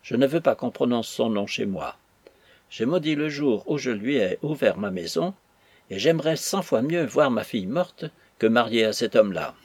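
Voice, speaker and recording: A man reading aloud as a ruined old merchant, bitter and furious, ranting in a husky, breathy voice. The recording is dry and close, with no room sound around it. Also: medium pitch, expressive, moderate pace, a little mellow, no echo. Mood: angry. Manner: ranting, bitter, raising his voice. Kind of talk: audiobook character voice.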